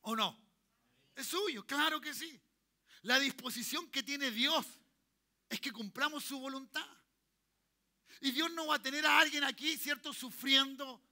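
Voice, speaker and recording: A man's voice: extremely high pitch, pushed and bright. A man with a Chilean accent preaching a sermon in church, checking in with his congregation and leading them in call-and-response. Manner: leads call-and-response, tells listeners to repeat. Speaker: pastor.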